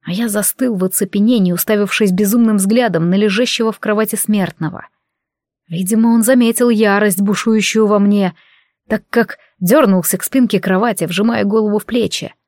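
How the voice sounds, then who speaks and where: A woman reading a fantasy audiobook aloud in steady scripted narration. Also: medium pitch, brisk, no room sound, studio quality.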